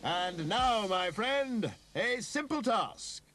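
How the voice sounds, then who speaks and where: A man's voice: high voice, very animated, takes it slowly, a bit bright, slight background noise, pitched above the performer's own voice, heavily acted. A man voicing a showy male circus ringmaster who calls out to the crowd in a barker's sing-song. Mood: announcing. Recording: music bed behind the voice.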